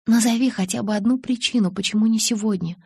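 A woman reading an audiobook, voicing an impatient, exasperated young woman in love, pleading and animated. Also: a little high, quick pace, creaky, breathy edge, no echo, voice pushed up.

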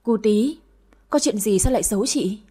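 A woman's voice: mid-range voice, normal speed, slightly rough, lightly acted. A woman doing a spirited young wife. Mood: concerned. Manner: warm toward family, bossy when teased.

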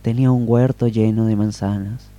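A man improvising and telling a children's story on a radio show, in a gentle, unhurried way. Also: on the low side, steady tone.

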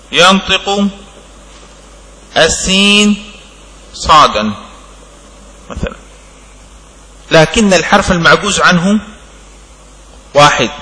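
A man teaching a religious law text in a classroom lesson, speaking in slow, broken-up phrases and checking understanding with short questions. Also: sits high, bright, forceful tone, big-room sound, poor audio. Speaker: sheikh teaching a fiqh text.

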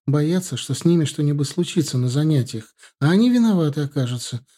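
A woman's voice: low-pitched, expressive, brisk, warm tone, slightly rough. A man reading an audiobook, voicing an anxious young female student who pleads her case. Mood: pleading. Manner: pleading, insistent.

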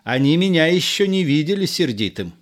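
A man's voice: fairly high pitch, sing-song, fairly quick, voice pushed up. A man voicing a bold, swaggering swordsman-poet who threatens and mocks in verse. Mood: mocking. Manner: scornful, threatening, mocking politeness.

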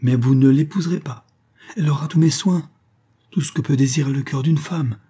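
A frantic mother pleading and threatening by turns, put on by a man reading aloud. The voice is lifted high and pushed loud, with a husky, dark grain underneath. It suits an audiobook drama scene. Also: a little fast. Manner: pleading then threatening, raises voice. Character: desperate, vengeful Irish mother, middle-aged woman.

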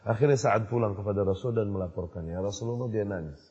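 A man preaching a sermon in storytelling mode, acting out the dialogue and rising to loud emphasis. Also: on the low side, quick pace, husky. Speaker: Islamic preacher. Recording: dull lo-fi recording in a reverberant hall.

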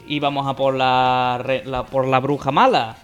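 A man's voice: medium pitch, flat delivery, unhurried, a bit bright, highs cut off, faint music behind. A man with a Seville-area Andalusian accent and a ceceo lisp, pronouncing s as th, chatting casually and comically as a podcast co-host.

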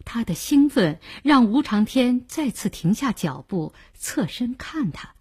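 A female audiobook narrator with a breathy, slightly high voice. She tells the story expressively, her pitch moving lively throughout. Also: a little slow. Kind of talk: scripted narration.

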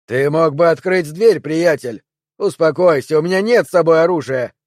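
An exasperated working-class neighbor in his thirties, shouting raised and loud through a closed door, as a man puts him on. His voice is pitched up and sharp with annoyance, but still mellow in timbre, recorded dry and close, in an audiobook thriller. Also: moderate pace, dry recording, close to an everyday voice. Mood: shouting irritated.

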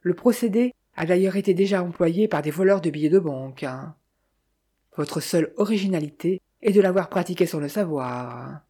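A woman reading aloud voices a sharp-eyed, mocking Italian man, a motorist in an old detective story, in a teasing, probing way. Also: fairly low pitch, normal speed, slightly rough. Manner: teasing, probing, slightly ironic.

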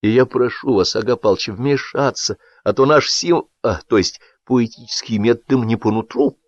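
A man's voice: medium pitch, moderate pace, no echo, dull audio, lightly acted. A man reading an audiobook, voicing an effusive, fawning male film director who talks in gushing exclamations. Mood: indignant.

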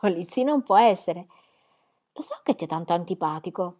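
A woman voicing a gentle, kind young woman, an affectionate elder sister, with warm, eager exclamations. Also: lowish voice, lively intonation, normal speed. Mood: astonished. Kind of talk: audiobook character reading.

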